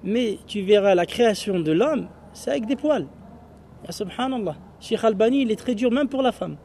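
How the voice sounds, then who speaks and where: A man's voice: high-pitched, animated, moderate pace, mellow, slight background noise. A man teaching an Arabic class, explaining in French with Arabic phrases mixed in and often checking with "tu vois?".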